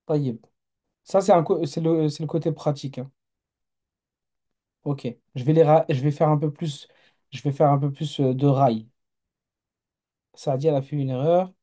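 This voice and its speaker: Patient male teacher, dark mellow tone, runs a live online class and checks on learners. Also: on the high side, steady tone, normal speed, long pauses. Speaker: Arabic teacher.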